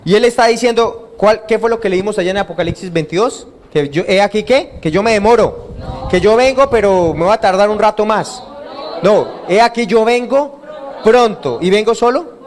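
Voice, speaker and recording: A Colombian male pastor with a high voice preaches an interactive sermon at a moderate pace in a church hall. He asks the congregation questions and has them call out and repeat the answers.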